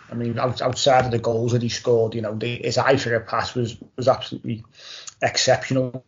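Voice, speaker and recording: A man's voice: mid-range voice, slight background noise. A man giving casual, emphatic football opinions as a panellist, repeating words for stress. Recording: dull lo-fi audio.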